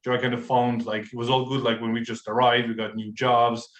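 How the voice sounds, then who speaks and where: A man's voice: mid-range voice, fairly quick. Croatian man talking in an echoey room. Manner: relaxed, with many fillers and restarts. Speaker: podcast guest. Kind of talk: casual interview conversation. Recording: roomy echo.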